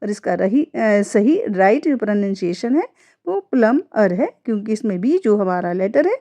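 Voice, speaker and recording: A woman's voice: mid-range voice, big pitch swings, mellow. Woman teaching English pronunciation. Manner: drills word pairs slowly, wrong then right. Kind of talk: explaining pronunciation to a class. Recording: dull, dry lo-fi sound.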